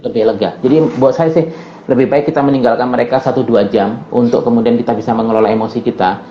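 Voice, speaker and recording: A man's voice: medium pitch, steady tone, fast. A middle-aged man and father, talking casually as a guest, hesitant with many fillers and restarts. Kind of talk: casual conversational talk. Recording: echoey, muffled with faint noise.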